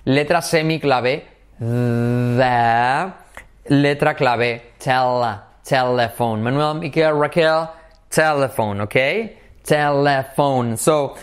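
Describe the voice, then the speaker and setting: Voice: mid-range voice, clean tone. An English teacher drilling pronunciation for Spanish speakers, repeating phrases and exaggerating sounds.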